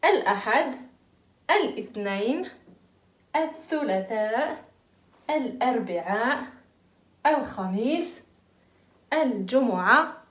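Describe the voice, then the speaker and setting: A young woman, giving a children's lesson in a playful, animated, encouraging way. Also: on the high side, normal speed, pauses often. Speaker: teacher. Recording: echoey room.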